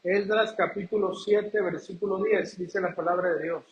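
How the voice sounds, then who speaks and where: High-voiced preacher in echoey church. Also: male voice, fairly even intonation, normal speed, muffled recording. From Mexico. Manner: addresses congregation often as hermanos, asks rhetorical questions. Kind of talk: sermon.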